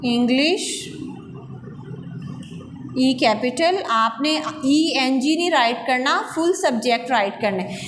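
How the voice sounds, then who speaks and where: A woman schoolteacher with a Pakistani accent, slowly and patiently dictating English words and meanings to children in a class lecture. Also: high-pitched, expressive. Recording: echoey classroom, faint background noise.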